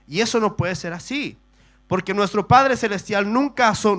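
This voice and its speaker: A man's voice: high voice, a bit bright. A male pastor preaching a sermon, often saying amen, asking rhetorical questions and adding homely humorous asides. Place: church service.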